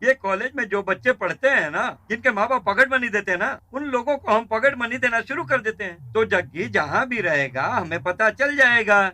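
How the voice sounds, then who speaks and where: A man's voice: high-pitched, lively intonation, a little fast, hardly any pauses, sharp tone, no room sound, full character voice. A man voicing a boastful, scheming male gangster in a Hindi film dub. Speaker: gang member planning. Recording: film dub with music behind.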